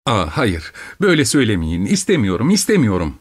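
A flighty, capricious young wife, as a male narrator puts her on in an audiobook, speaks in a raised, petulant voice full of exclamations. She sounds high-strung and quick to take offense. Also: wildly swooping pitch, breathy edge, full character voice.

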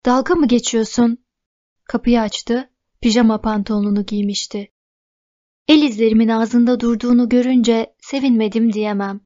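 A woman narrating a novel in the first person, telling the story at a steady pace. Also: fairly high pitch, moderate pace, lo-fi sound. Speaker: audiobook narrator.

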